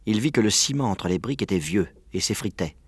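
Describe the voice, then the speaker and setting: A man narrating a children's story aloud in a clear, measured way. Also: lowish voice, lively intonation, no room sound. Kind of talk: audiobook narration.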